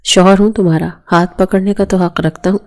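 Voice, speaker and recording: A woman's voice: mid-range voice, steady tone, a little mellow, lightly acted. A woman reading the lines of a stern young husband in a storybook narration, firm and commanding. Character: stern young husband, gruff then gentle.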